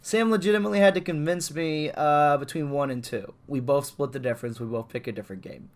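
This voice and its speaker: A man's voice: fairly high pitch, fast talker. A young man co-hosting a podcast in casual chat, rambling and laughing, hiccuping at times. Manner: rambling, laughing, trails off into asides. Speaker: podcast co-host.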